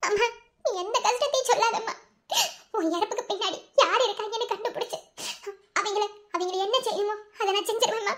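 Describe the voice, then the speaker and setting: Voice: very high-pitched, a bit bright. A performer voicing a young college woman, emotional and anxious, speaking with a Madurai Tamil accent. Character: young woman college student, frightened and tearful.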